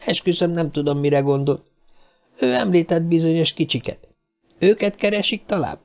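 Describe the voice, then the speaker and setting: A male narrator voices a small, brash man in a storybook, cheeky on the surface and scared underneath. The voice sits well above the reader's own and keeps a gravelly edge. When cornered he stammers and drags out his words. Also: a little high, animated, a little mellow, pitched above the performer's own voice. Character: small nervous cigar-smoking man, cheeky.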